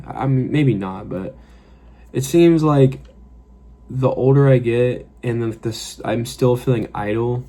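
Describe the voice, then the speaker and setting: A man's voice: lowish voice, dark tone. A man in his late twenties talking casually in a rambling, profane way, full of filler words, in a reflective vlog monologue. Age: late 20s. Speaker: fragrance vlogger. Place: his apartment.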